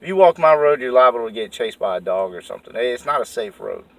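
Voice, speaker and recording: A man's voice: medium pitch, sing-song, quick pace, distant mic, rough recording. A man telling a story in a rambling, profane, heated way. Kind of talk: casual storytelling.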